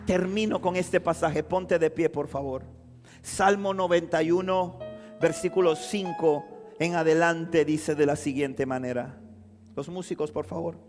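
A man's voice: fairly high pitch, fairly even intonation, a little slow, darkish tone. A man preaching a sermon, telling a story with dramatic storytelling and rising to fervent exhortation. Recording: hall reverb with faint music behind.

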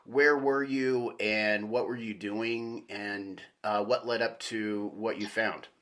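A man's voice: on the low side, steady tone, takes it slowly, a bit bright. A middle-aged man hosting a podcast, narrating from a script and interviewing people. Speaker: podcast host and author.

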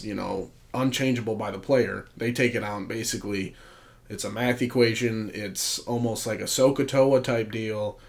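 A man's voice: medium pitch, vocal fry. A man co-hosting a casual sports podcast, chatting in an easygoing way with lots of fillers. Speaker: podcast co-host.

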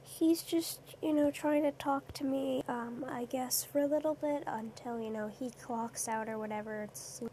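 High-voiced young woman rambling late at night. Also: measured pace, hardly any pauses, mellow, slight background noise. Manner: rambling, hesitant, many fillers. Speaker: streamer.

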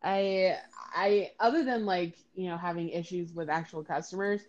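A woman co-hosting a casual podcast. She laughs often and chimes in with quick, supportive remarks. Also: on the low side, darkish tone, highs cut off. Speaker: podcast co-host.

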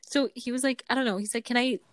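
A young woman co-hosting a podcast, reading a message aloud in a giggly, animated way. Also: on the high side, quick pace, no room sound. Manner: giggly, animated storytelling with frequent laughs. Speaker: podcast co-host.

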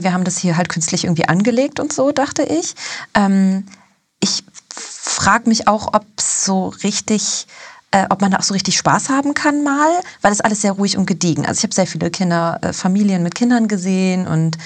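A woman in her thirties from Germany, co-hosting a podcast in chatty conversation on a lapel mic in an office. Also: mid-range voice. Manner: chatty, hesitant with fillers. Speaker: podcast co-host. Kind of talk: casual podcast chat.

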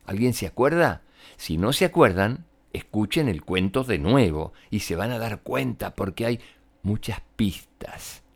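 A male storyteller reading a tale aloud for children. His voice rises and falls with lively pitch, and he speaks directly to his young listeners. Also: measured pace, creaky. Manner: animated and expressive, addressing children.

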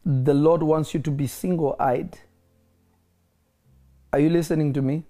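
A man's voice: fairly high pitch, steady tone, a little slow, warm tone. A man delivering a prophetic word to a caller, declaring blessings and often asking if he is listening. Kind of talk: prophetic ministry over a phone call.

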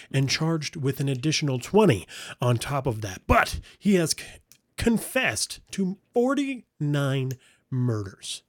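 A man hosting a casual podcast chat in an everyday mid-pitched voice. He jokes, swears and laughs often as he tells the story. The sound is dry and close. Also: no room sound. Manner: joking and profane, laughing often. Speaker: podcast host.

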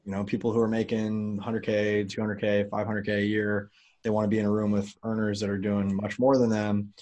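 A man speaking as a podcast guest, telling stories in a relaxed, animated way with plenty of fillers. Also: lowish voice, a little fast, lo-fi sound. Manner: relaxed, animated, loose with fillers and an occasional curse. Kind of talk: casual interview storytelling.

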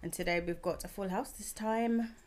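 A woman's voice: medium pitch, moderate pace, a little mellow. A young woman with a London accent, hosting a casual podcast chat in blunt, slangy speech. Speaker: podcast host.

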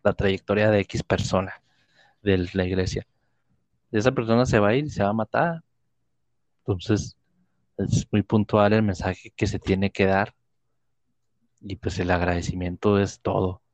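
A man's voice: on the low side, steady tone, a little slow, pauses often, no echo. A man, reflecting casually on faith and explaining with everyday examples, on slightly muffled audio. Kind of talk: casual religious reflection in conversation.

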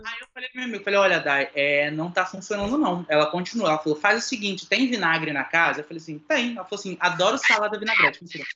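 A man telling a wild anecdote in a casual chat, excitable and swearing, acting out what people said. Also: high-pitched. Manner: fast, excitable, swears, acts out quoted voices. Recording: roomy, slightly dull sound with faint noise.

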